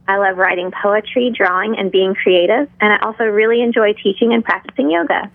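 A middle-aged woman talks in a calm, measured teaching manner. Her voice sits at an ordinary pitch and comes through thin and tinny, like a telephone, with very little room around it. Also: creaky, no echo. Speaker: yoga instructor, interview guest. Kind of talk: interview talk with guided breathing and pose instruction. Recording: tinny narrow phone-like line.

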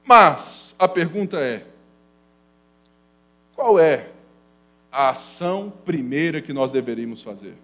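A man preaching a sermon as pastor, swinging from loud urgent passages to low quiet asides and acting out quoted complaints. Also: lively intonation, slow pace, long pauses. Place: church.

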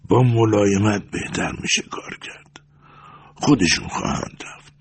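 A man voicing an old, weary monk in an audiobook, speaking in a muffled, soft, mild voice. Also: fairly low pitch, lively intonation, breathy edge. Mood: gentle. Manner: quiet, mild. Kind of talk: audiobook character voice.

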